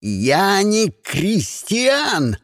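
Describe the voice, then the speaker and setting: A man's voice: high voice, wildly swooping pitch, very slow, fairly bright tone, dry recording, studio quality, pitched above the performer's own voice, full character voice. A shrieking, cracking-voiced teenage boy. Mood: frantic. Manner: screaming, voice cracking. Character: hysterical bullied teenage boy, frantic.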